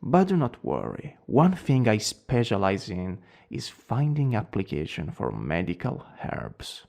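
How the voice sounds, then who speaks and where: A man acts out a plague doctor in a role-play, coldly polite and clinical, with an Italian accent. His mid-pitched voice crackles with gravelly fry. He speaks slowly and formally, with sweeping rises and falls in intonation. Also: huge pitch swings, a little mellow, full character voice. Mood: grave, lecturing. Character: cold, eerily polite male plague doctor.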